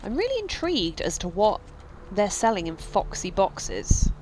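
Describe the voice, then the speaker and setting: A woman's voice: medium pitch, huge pitch swings, normal speed, darkish tone, a little hiss or hum, low-quality recording. A woman rambling casually while streaming a game, full of fillers and asides. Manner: rambling, chatty, many fillers. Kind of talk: casual let's-play chat.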